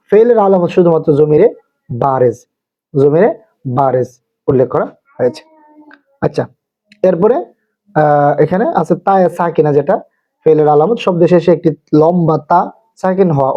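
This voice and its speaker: A Bangladeshi man with a fairly high voice gives a methodical grammar lecture, explaining each term with examples before summing up. The sound is narrow and tinny, as if it were heard over a phone line. His delivery is that of a patient classroom teacher. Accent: Bangladeshi Bengali.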